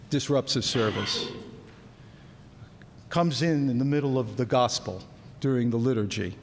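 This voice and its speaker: A man giving a lecture, speaking deliberately with frequent ums and repeating key words for emphasis. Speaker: lecturer on canon law. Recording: echoey hall with faint rumble.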